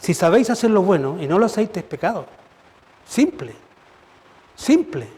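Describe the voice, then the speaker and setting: Preaching during a church service, this male pastor speaks at a normal speed with a high, slightly mellow voice that swings widely in pitch. The sermon is conversational and full of rhetorical questions.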